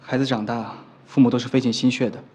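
A man's voice: medium pitch, little pitch movement, fast talker, dark tone, slight background noise, natural voice. An actor playing a man in a TV drama who coaxes a crying baby. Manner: coaxing, rising and falling sing-song. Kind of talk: TV drama acting. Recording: echoey room with a crying baby behind.

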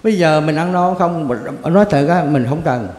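A man's voice: fairly high pitch, moderate pace, darkish tone. An older man, a Zen teacher answering questions in a blunt, colloquial way with chuckling asides. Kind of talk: answering questions in a Dharma talk. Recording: echoey hall with long reverb.

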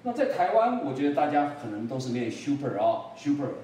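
A man teaching an English pronunciation lesson, slow and deliberate, saying each word several times. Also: on the high side, big pitch swings, dark tone. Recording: echoey room, voice a little far from the mic, faint noise.

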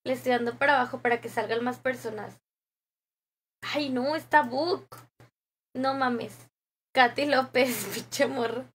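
A young woman with a Mexican accent hosts a live stream, talking casually into a desk microphone. Her voice sits high, and she chats loosely with viewers and reads their comments aloud. She laughs often as she talks. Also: measured pace, pauses often, slightly rough.

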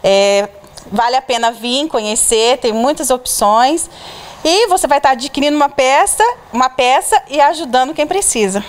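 A woman's voice: high-pitched, expressive, normal speed, slight background noise. Brazilian volunteer woman giving bazaar details. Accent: Brazilian Portuguese. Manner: plain, listing details, short affirmations. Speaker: charity volunteer organizer. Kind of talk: on-camera interview. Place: indoor charity clothing bazaar. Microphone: reporter's handheld mic.

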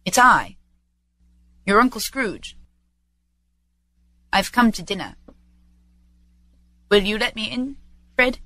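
A woman voicing a reformed old miser, a giddy and kindly old gentleman who speaks in effusive exclamations. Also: mid-range voice, animated, slow, long pauses, dry recording, pitched above the performer's own voice. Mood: eager, gentle.

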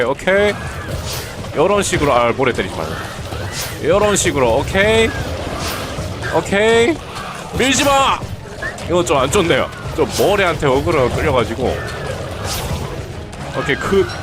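A man casually commenting on his own gameplay, chatting to viewers and teasing the characters on screen. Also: medium pitch. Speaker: game streamer. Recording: faint game music behind.

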